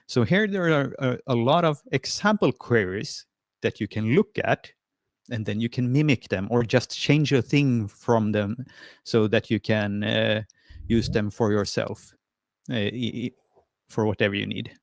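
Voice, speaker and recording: Speaking a little slowly in a mid-range voice, this man from Sweden, whose first language is Swedish, gives a hesitant screen-share tutorial over a video call. He's warm and encouraging, though he stumbles with many fillers and restarts, and the studio-quality audio has no echo.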